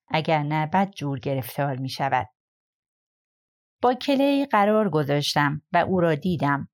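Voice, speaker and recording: A woman reading a crime novel aloud as an audiobook, with measured, steady storytelling. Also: on the low side. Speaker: audiobook narrator. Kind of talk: scripted narration.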